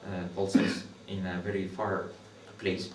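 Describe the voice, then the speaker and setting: In a spacious-sounding room, recorded from a distance over faint noise, a young Guatemalan man talks about his astronomy research in an interview. As a PhD student working in his second language, he is thoughtful but halting, pausing, restarting, and using many fillers. His lowish voice stays monotone.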